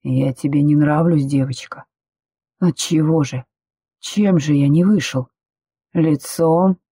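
A woman voicing a strong male prisoner who murmurs in a low, hushed, teasing way. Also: takes it slowly, breathy edge, no room sound, exaggerated voice. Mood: mocking.

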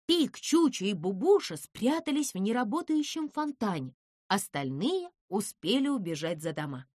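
A woman narrating a children's storybook in a lively, dramatic way. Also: mid-range voice, no room sound, studio quality.

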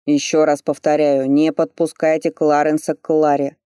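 Reader doing hard-edged male investigator, slow deliberate commands, dry close sound. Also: a little high, steady tone, mellow, clean tone, dry recording, lightly acted. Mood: commanding. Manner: curt, authoritative, slow deliberate orders. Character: stern commanding nobleman investigator, man. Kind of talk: audiobook character voice.

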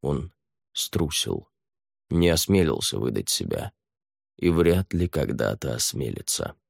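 Мужчина читает аудиокнигу размеренно и ровно. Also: male voice, rumbling low, very animated, unhurried, vocal fry, slightly rough, no echo, studio quality. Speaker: narrator. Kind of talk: audiobook narration.

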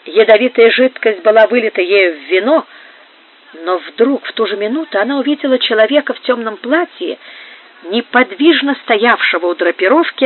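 An audiobook narrator giving a measured, even reading of a historical novel. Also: medium pitch. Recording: phone-like narrow band.

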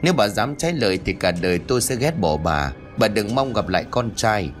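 A man's voice: fairly low pitch, lively intonation, a little fast, soft background music, lightly acted. A man doing a grave old exorcist. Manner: grave, commanding. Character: stern elderly male village exorcist.

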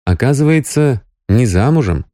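Narrator doing calm grown guy, low-key replies, mellow voice, audiobook. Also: moderate pace, dry recording, studio quality, lightly acted. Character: grown man, calm and tender. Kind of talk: audiobook character reading.

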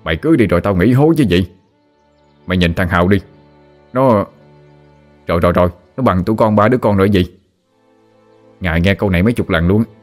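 A gruff old country father in his late fifties with a Southern Vietnamese accent, deep-voiced and forever scolding and teasing his son, as a male storyteller puts him on. Faint music plays behind. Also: quick pace, pauses often, natural voice.

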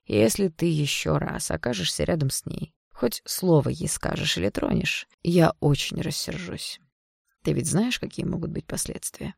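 A woman voicing a cold, arrogant young man who speaks curtly and with slow menace. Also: animated, creaky, a little mellow, husky, dry recording, studio quality, heavily acted. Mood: menacing. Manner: curt, menacing, low and slow.

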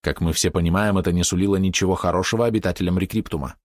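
A man narrating a science-fiction audiobook in a steady, even storytelling voice. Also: low voice, very fast, no echo, studio quality.

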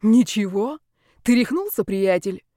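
A woman reading an audiobook and voicing a loud, panicky young man who shouts in outrage. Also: mid-range voice, lively intonation, unhurried, no room sound, clean studio sound. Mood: panicked. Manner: shouting, indignant.

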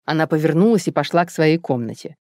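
A woman narrates an audiobook in a lowish voice. The recording is dry and close, with no room sound. She reads steadily. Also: fast, dark tone, dry recording.

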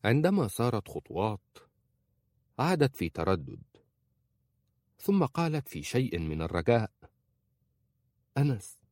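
Deep-voiced male audiobook narrator. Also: sing-song, normal speed, long pauses, a little mellow, no room sound, studio quality. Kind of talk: dramatic novel reading.

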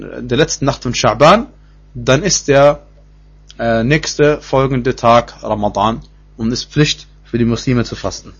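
Male religious teacher, husky voice, halting explanatory delivery full of restarts, dull lo-fi recording. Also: medium pitch. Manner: repeats himself, many fillers and restarts. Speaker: Quran teacher. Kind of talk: spoken Quran commentary lesson.

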